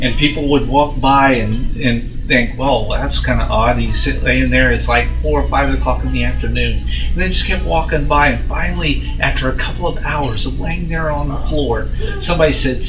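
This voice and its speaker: A man leading a campus ministry, hosting a promotional video in an earnest, preacherly way. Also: medium pitch. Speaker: campus ministry leader and host. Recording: roomy sound from a distant mic with music behind.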